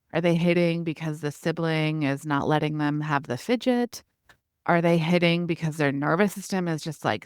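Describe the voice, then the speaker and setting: A middle-aged woman, a parenting expert guest, talking in a conversational interview and acting out little parent-child exchanges with animated quoted asides. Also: low-pitched, clean tone, dry recording, clean studio sound.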